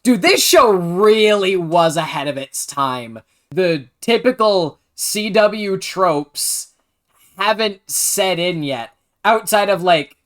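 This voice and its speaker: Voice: medium pitch, a bit bright. A host giving casual, slangy reaction commentary on a TV episode, exclamatory and self-deprecating.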